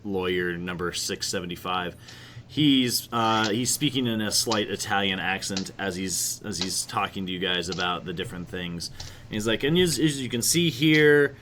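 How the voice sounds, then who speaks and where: A man's voice: low-pitched, normal speed, bright, forceful tone, slight background noise. A man narrating a tabletop role-playing game as game master, rambling and hesitant with frequent fillers.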